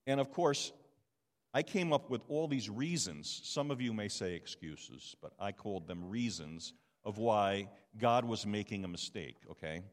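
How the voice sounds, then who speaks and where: A man's voice: fairly low pitch, expressive, measured pace. A man in his fifties giving a personal testimony sermon in a chatty, self-deprecating way, often checking in with the audience. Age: 50s. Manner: conversational and self-deprecating, asks the audience "okay?". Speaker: preacher and missionary. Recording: long hall reverb.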